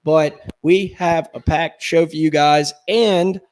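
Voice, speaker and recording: A man hosting a casual sports podcast, upbeat and talking in quick bursts. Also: a little high, steady tone, darkish tone. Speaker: podcast host.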